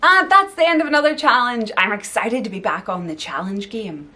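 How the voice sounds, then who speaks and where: A woman's voice: fairly high pitch, animated, brisk, pushed and bright, faint music behind. A young woman vlogging casually, chatty and full of fillers as she explains a workout move step by step. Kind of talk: casual fitness vlog talk. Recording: echoey room, voice from far off.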